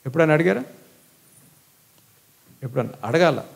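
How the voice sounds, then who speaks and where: High-voiced preacher, animated delivery. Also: male voice, normal speed, gravelly. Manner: animated preaching, mixing in English phrases; directly addresses the congregation. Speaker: pastor. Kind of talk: sermon.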